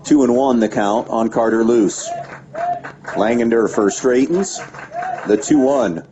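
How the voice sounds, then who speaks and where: A man calling a high school baseball game play by play on local radio, giving steady pitch-by-pitch calls with stats between pitches. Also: measured pace. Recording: dull lo-fi radio broadcast with faint background noise.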